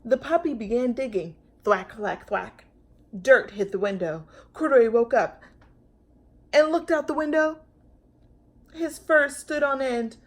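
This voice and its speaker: Her voice sits high as she reads a children's picture book at storytime, narrating expressively with long, drawn-out words and playful sound effects.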